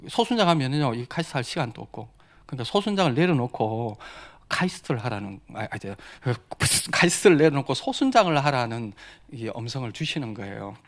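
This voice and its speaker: A middle-aged man preaching a personal testimony, swinging from quiet murmurs to loud exclamations with frequent laughter. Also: medium pitch. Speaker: missionary preacher. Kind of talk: sermon testimony.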